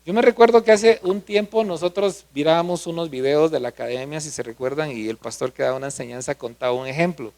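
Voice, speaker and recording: A man's voice: on the high side, fast, few pauses, a little mellow. A male pastor preaching a sermon, often asking the congregation questions.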